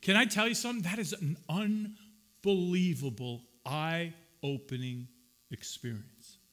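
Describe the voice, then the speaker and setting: Preaching in church, a male pastor with a fairly high voice keeps a measured pace as he alternates between shouted lines and quiet asides. He repeatedly poses questions to the congregation and jokes with them.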